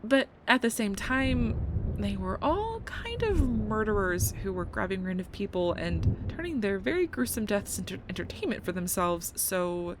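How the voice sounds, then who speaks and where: In a casual, intimate ASMR roleplay, a young woman plays a nerdy, playful girlfriend who rambles excitedly about tabletop games. Her natural, mid-range voice moves at normal speed over storm ambience with thunder.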